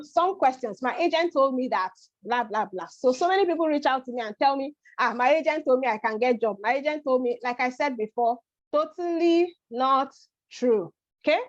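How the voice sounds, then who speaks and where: A woman's voice: sits high, no room sound. Chatty woman webinar presenter, dull audio. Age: middle-aged. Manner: chatty, repeats "okay?" to check in. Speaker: immigration advisor presenting a webinar.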